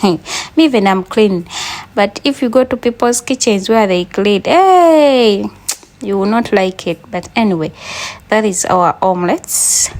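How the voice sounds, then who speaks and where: A woman from Uganda with a Ugandan accent, chatting to her viewers as she cooks breakfast in a casual vlog. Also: on the low side. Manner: chatty, talks to viewers while cooking. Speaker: cooking vlogger.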